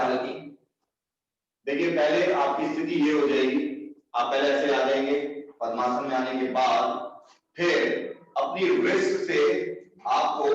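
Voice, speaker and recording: A man's voice: medium pitch, heavy reverb, far from the mic. Guy coaching a yoga class, keeps cheering people on, dull muffled sound from across the room. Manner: encouraging, praises students by name. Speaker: yoga teacher. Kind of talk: live online class coaching.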